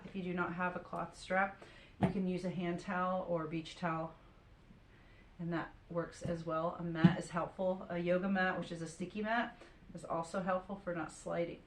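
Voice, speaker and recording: A woman yoga instructor leading a home floor routine, calmly cueing breath and poses. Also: lowish voice, reverberant, a little hiss or hum.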